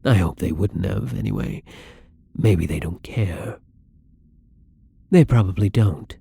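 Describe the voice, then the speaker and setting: A man performs a newly turned young male vampire for an intimate ASMR roleplay, his low voice husky and breathy, animated yet slow, and heavily acted with no room sound. The timid, hungry creature sounds apologetic and bitter, speaking softly and hesitantly and often sinking into whispers.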